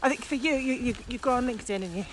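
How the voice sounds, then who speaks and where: Walking through the countryside, a woman co-hosts a casual podcast, speaking rapid-fire in a slightly high voice with plenty of enthusiasm and emphasis. She is a virtual trainer, and the outdoor recording picks up ambient noise.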